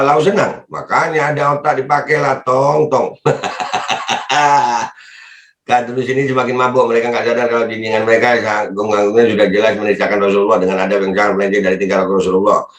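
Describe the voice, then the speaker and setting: A man talks in a casual, mocking way. His pitch sits in the middle and jumps up sharply whenever he teases. The recording has a noticeably echoey, roomy sound. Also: steady tone, normal speed, a bit bright. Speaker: political commentary vlogger reading comments. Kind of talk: casual Jakarta-slang commentary.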